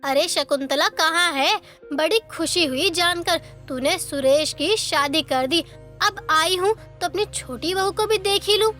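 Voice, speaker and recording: A woman voicing a nosy, taunting old neighbor woman in her sixties in an animated story. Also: extremely high pitch, measured pace, faint music behind, full character voice. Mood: gossipy. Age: 60s. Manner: scolding, taunting.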